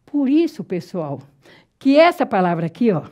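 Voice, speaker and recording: A Brazilian woman teaching Portuguese grammar in a classroom lecture, explaining step by step, checking that the class follows, and slowly drawing out example words. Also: medium pitch, sing-song, a little mellow. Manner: drawn-out, slow spelling of example words.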